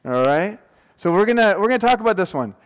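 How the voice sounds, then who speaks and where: A man's voice: high-pitched, very animated, quick pace, clean tone. A man around his forties preaching a casual sermon to a congregation, informal and joking, checking in with rhetorical questions. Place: large room, speaking to a congregation. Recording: long hall reverb.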